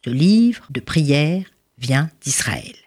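A woman voicing a gentle, pious father who speaks softly and solemnly to his son. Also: sits low, sing-song, drawn-out words, breathy edge, heavily acted.

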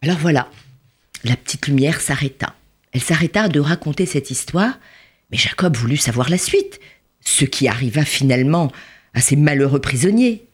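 Husky, lively storyteller. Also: medium pitch, moderate pace. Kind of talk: storybook narration.

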